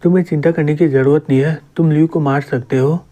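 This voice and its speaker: A man's voice: fairly high pitch, steady tone, fast talker, mellow, natural voice. A man reading the part of a scheming male noble lord in a comic recap. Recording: dull lo-fi recording.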